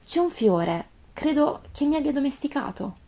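A woman's voice: high voice, very animated, normal speed, dark tone, voice pushed up. A woman voicing a curious, innocent little boy prince with a raised, questioning tone in a storybook reading.

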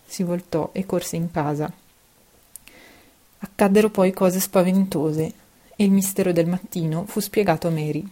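A woman reading a children's novel aloud with a low, mellow voice. She keeps a steady, expressive storytelling pace. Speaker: narrator.

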